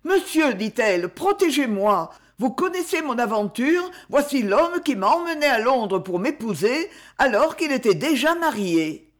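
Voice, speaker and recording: A woman's voice: fairly high pitch, very animated, a little slow. A woman reading an audiobook, voicing a proud young woman who answers with cold dignity. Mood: pleading.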